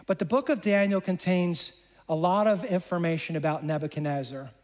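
A man delivers a sermon with a notably high voice, retelling an old story in a loose, chatty way. He slips into quick impressions of the characters and throws in casual asides to the congregation. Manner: animated, acts out dialogue in voices. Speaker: preacher.

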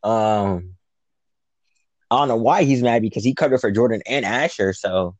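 A man with a low, mellow voice holds a casual recap chat. He tells the story with energy, acts out the quotes and swears freely. The sound is dry and close. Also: moderate pace, no room sound, lo-fi sound. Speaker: podcast co-host.

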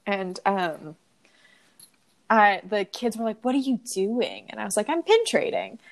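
Speaking a little slowly with lively intonation and a mid-range voice, this young woman is a podcast co-host in casual conversation. Sniffly from having cried, she tells a story in a chatty way packed with fillers.

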